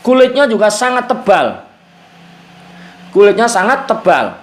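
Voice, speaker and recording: A man's voice: high-pitched, very animated, a little slow. A male Islamic teacher explaining Quran verses to a women's study group, patiently repeating key phrases and chanting Arabic verses. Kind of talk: Quran exegesis class. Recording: echoey room.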